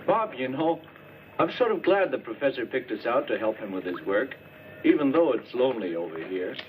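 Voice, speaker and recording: An actor playing a wisecracking young island castaway in a 1960s film, joking and teasing. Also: male voice, medium pitch, sing-song, fairly quick, natural voice. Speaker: crash survivor teasing his companion. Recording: dull old film soundtrack, noisy, distant.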